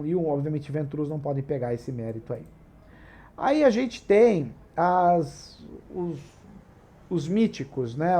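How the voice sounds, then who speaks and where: A man's voice: a little high, dark tone. A man with a Brazilian Portuguese accent, hosting a tabletop RPG channel and explaining rules in a casual, digressive way with frequent tag questions.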